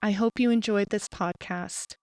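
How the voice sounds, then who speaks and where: Calm woman guiding a meditation. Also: mid-range voice, clear, resonant tone, no room sound, studio quality, soft background music. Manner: calm, slow and measured, with soft pauses. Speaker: podcast host. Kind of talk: guided meditation.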